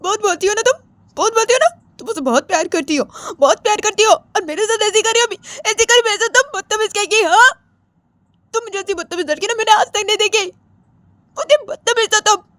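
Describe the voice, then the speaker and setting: A woman voicing a hurt young woman who cries while scolding her girlfriend, in a high, tearful voice. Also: brisk, a bit bright, no room sound. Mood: tearful anger. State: crying.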